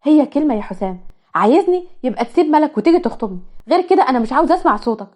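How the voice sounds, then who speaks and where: A scheming young woman, voiced by an Egyptian woman speaks in a coaxing, falsely sweet tone. The voice is high and quick, in a storybook drama. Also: expressive, mellow. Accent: Egyptian Arabic.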